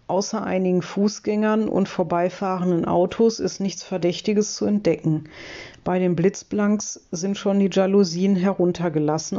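Mellow audiobook reader. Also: mid-range voice, lo-fi sound. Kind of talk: first-person children's book narration.

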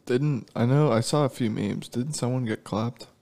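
A man's voice: mid-range voice, moderate pace, creaky, darkish tone. A man with a lisp joking and swearing casually in podcast chat.

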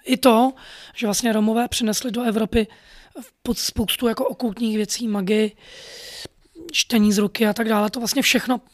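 A man's voice: high-pitched, level tone, long pauses, no echo. A man telling a personal story in an earnest, rambling way, full of fillers. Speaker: podcast storyteller.

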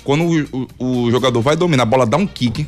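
A man's voice: medium pitch, fast, faint music behind. A man from Pernambuco, a former player, commentating on football in casual, argumentative talk. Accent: Pernambuco Portuguese. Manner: animated, protesting, arguing his point.

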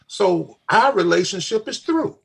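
A man's voice: high-pitched, sing-song, unhurried, vocal fry, fairly bright tone, breathy edge. An older man, talking in a casual family chat, emphatic and repeating his key phrases. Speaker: father on a family talk show.

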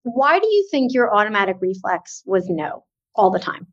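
A woman's voice: mid-range voice, very animated, normal speed, a bit bright. Woman interviewer on dull, lo-fi audio. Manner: reactive, laughs along with guest. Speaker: podcast host.

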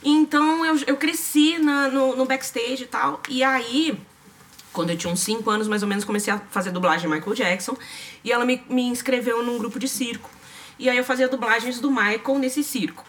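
A woman's voice: on the high side, brisk, slight background noise. A young Brazilian woman with a Brazilian Portuguese accent, a singer telling stories in a casual chat and laughing often. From Brazil, São José dos Campos. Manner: laughing often, animated, slangy. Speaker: singer guest.

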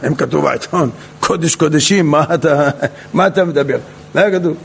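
A male rabbi, telling a Torah story in an animated way, acting out the quotes and adding humorous asides. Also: on the high side, gravelly, husky.

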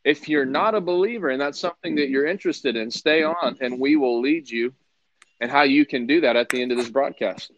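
A man's voice: mid-range voice, brisk, highs cut off. A man preaching on a live broadcast, earnest and conversational as he quotes scripture.

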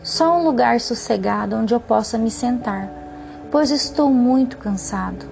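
A woman reading aloud gives voice to a needy storybook boy who ages into a tired old man. The voice is gravelly and sounds demanding and worn out. Faint music plays underneath. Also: on the high side, measured pace, a little mellow. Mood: weary. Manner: demanding, weary.

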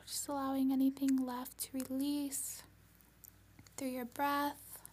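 A woman leading an ASMR-style guided healing meditation in a serene, soothing voice, breathy and often whispered. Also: sits high, level tone, slight background noise. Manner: serene, soothing, slow and gentle delivery.

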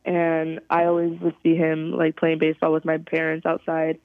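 A young woman from California, a college softball player, giving halting, thoughtful interview answers over a phone call. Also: low-pitched, completely flat delivery, no echo. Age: young adult. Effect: heard over a phone call. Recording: tinny, dry phone line.

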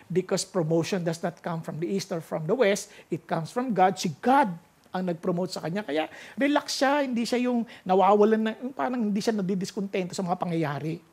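A woman with a Filipino accent preaching a sermon, telling a story and acting out its dialogue in a lively way. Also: mid-range voice, moderate pace, husky. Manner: mixes English and Tagalog, animated storytelling, acts out dialogue.

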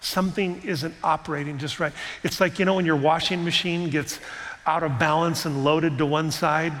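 A man's voice: fairly high pitch, steady tone, normal speed, fairly bright tone, in a large hall. A man preaching a sermon as pastor, in a conversational, musing way with many asides.

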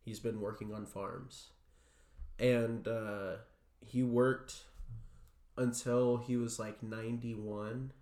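A young man being interviewed, telling a personal story in a halting way full of fillers. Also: medium pitch, flat delivery, darkish tone. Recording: roomy echo.

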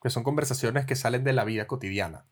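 A man's voice: mid-range voice, fast. A Venezuelan man co-hosting a casual, jokey podcast chat. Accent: Venezuelan Spanish. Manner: relaxed, jokey, laughs often. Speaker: podcast co-host.

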